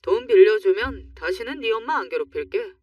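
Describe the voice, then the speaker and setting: A woman's voice: medium pitch, expressive, brisk, dry recording, natural voice. A woman reads a pushy, sneering deadbeat father; storytelling voice, dry, muffled, a bit distant. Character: callous middle-aged father demanding money. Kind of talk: storytelling narration.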